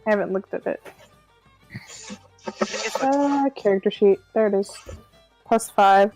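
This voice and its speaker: A woman's voice: mid-range voice, measured pace, a little mellow, no echo, soft background music, poor audio. A woman playing a tabletop role-playing game, chatting casually, thinking aloud and exclaiming.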